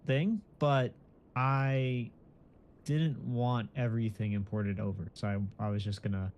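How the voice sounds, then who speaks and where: A man's voice: mid-range voice, steady tone, unhurried, darkish tone. A man bantering casually as a co-host during gameplay. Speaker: gaming co-host.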